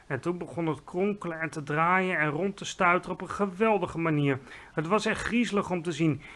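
A man reading a children's book aloud with lively, expressive narration. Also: high-pitched, brisk. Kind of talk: storybook read-aloud.

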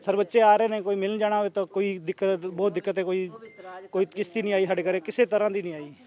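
A man, a villager quickly recounting his calls for help. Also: sits high, fairly even intonation, darkish tone. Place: outdoors in a flooded village.

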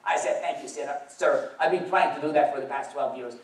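Speaking at medium pitch with a steady, brisk tone, a young man from Iraq shares his life story as a guest speaker at church. His Iraqi Arabic accent colors a wry, dry-humored testimony, recorded from a camera far across the auditorium with roomy echo.

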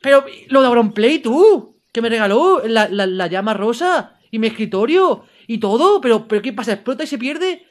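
Spanish-accented male gamer, high voice, big swings; mutters, then yells and curses at the game. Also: moderate pace, hardly any pauses. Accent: Spain Spanish. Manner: excitable, swings from muttering to yelled outbursts, swears freely. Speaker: gaming YouTuber. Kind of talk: let's-play gameplay commentary.

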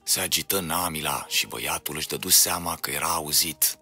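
Low-voiced man reading a fairy tale, bright edge, husky, faint music underneath. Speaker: storyteller. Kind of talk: scripted storybook narration.

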